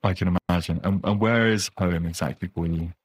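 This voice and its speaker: A man's voice: sits low, steady tone, fairly quick, husky. A man hosting a podcast, talking in an enthusiastic, effusive way in a casual interview chat. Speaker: podcast host.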